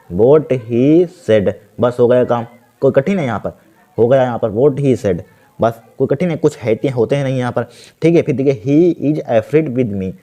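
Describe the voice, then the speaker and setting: A male teacher from India, with a dark, mellow, mid-range voice, leads a grammar lesson for exam preparation. He slowly repeats the answers word by word as he writes them. He keeps asking the class what comes next and then answers the question himself.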